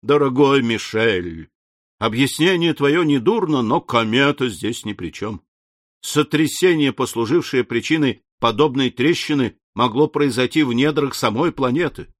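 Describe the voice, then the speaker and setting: A composed, learned leader, read by a male narrator in a voice close to his own mid-pitched speaking voice, explaining things in steady, lecturing phrases. The sound is dry and close to the mic, with no room reverb. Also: a little slow. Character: calm, learned middle-aged male leader. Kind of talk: audiobook character reading.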